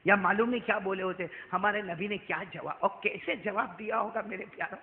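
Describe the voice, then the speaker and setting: A man giving a storytelling sermon, impassioned, swinging to loud shouts and prompting the crowd. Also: high-pitched, slight background noise. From Valsad, Gujarat, India. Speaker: preacher. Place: community hall. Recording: tinny phone-like sound, echoey hall.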